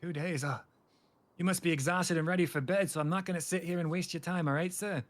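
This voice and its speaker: A man's voice: on the high side, fairly even intonation, fairly quick. A man running a game roleplay scenario as an interviewer, chatty and rambling, slipping into comic bits. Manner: chatty, rambling, slips into panicky comic yelping.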